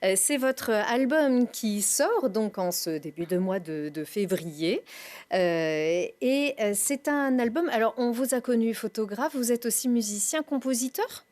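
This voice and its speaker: A woman hosting a TV interview show, chatting in a lively, easy way and laughing often. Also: on the high side, a little slow. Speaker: TV show host. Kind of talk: casual studio interview. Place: TV studio.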